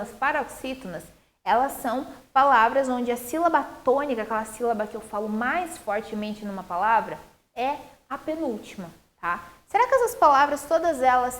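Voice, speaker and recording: A Brazilian woman teaching a recorded primary school lesson, explaining in a lively, sing-song teacherly way to children. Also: sits high. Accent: Brazilian Portuguese.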